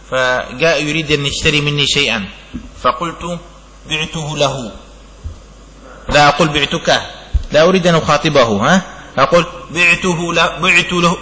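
A man teaching jurisprudence as a sheikh in a classroom lecture. He reads each line of the text slowly, then explains it with everyday examples and keeps checking that his students follow. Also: fairly high pitch, bright, forceful tone. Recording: long hall reverb.

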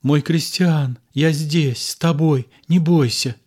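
A man reading a play aloud and voicing a passionate young noblewoman, pleading and tearful with a raised pitch. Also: slow, a little mellow. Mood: grieving.

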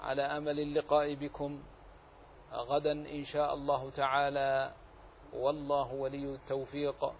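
A man's voice: mid-range voice, highs cut off, slight background noise. A man teaching a tajweed lesson who explains each rule and then recites the correct form as an example.

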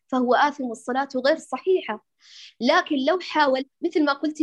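A woman instructor answering a student's question in a lecture, quoting verses and teaching lines. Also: high voice. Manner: instructive, quotes verses and poems. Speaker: Quran recitation instructor.

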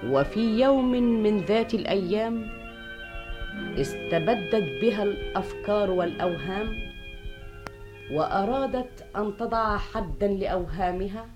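A mid-pitched narrator tells a formal rhymed folk tale in a measured, steady cadence. Music plays clearly behind the voice in the radio studio recording. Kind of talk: formal scripted storytelling narration.

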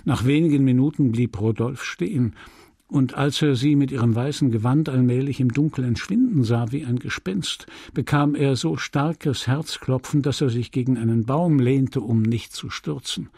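A man reading a classic novel aloud in measured, deliberate scripted narration. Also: mid-range voice, dark tone, slightly rough, no echo, studio quality. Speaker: audiobook reader.

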